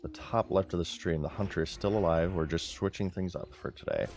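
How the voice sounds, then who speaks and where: Deep-voiced man streaming a game. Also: a little fast. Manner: excitable, chatty, talks to his chat. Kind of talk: live gameplay commentary.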